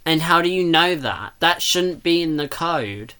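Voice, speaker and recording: Someone reacting to a fan comic dub offers casual commentary, thinking aloud, rambling, and second-guessing themselves. The mid-range voice is animated and sharp yet smooth, and the pace is unhurried.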